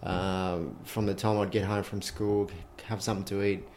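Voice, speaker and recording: A man's voice: sits low, flat delivery, moderate pace, darkish tone, a little hiss or hum. A man in his forties from Chile, a former player and coach, chatting casually as a guest in his own home. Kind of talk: casual interview answers.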